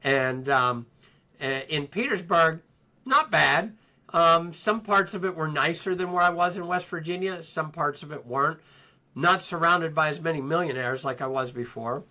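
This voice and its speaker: Middle-aged male guest, bright tone, reflective storyteller, lots of ums and restarts. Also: fairly high pitch, moderate pace. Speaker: interview guest. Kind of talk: personal storytelling in conversation.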